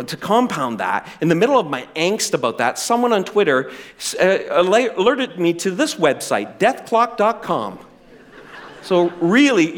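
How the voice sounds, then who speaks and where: Animated, high-voiced male pastor. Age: middle-aged. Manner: animated, self-deprecating humor. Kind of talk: sermon.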